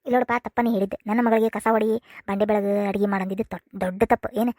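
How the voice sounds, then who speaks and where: A woman's voice: mid-range voice, fairly even intonation, very fast, a little mellow, no echo, studio quality, natural voice. A woman voicing a fussy, doting middle-aged village mother in a cartoon comedy, with a North Karnataka accent and a chattering, dramatic way of talking. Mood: grumbling. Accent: North Karnataka Kannada. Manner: chattering, dramatic, rhetorical questions.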